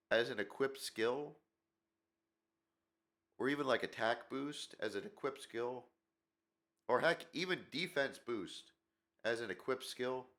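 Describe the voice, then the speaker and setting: A gaming channel host with a mid-range, fairly bright voice rambles opinionatedly in a casual commentary video. He uses lots of fillers, and his nose is stuffed up from a cold.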